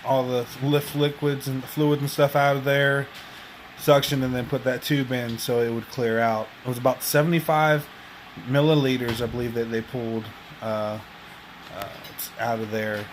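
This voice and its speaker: A man giving a casual personal update at home in a halting, rambling way, like a video blogger. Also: medium pitch, steady tone, a little hiss or hum.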